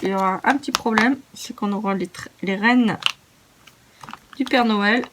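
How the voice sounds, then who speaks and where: A woman's voice: medium pitch, moderate pace, background noise. A French-speaking woman hosting a crafting tutorial, chatty and self-mocking as she narrates each step. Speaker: craft video host.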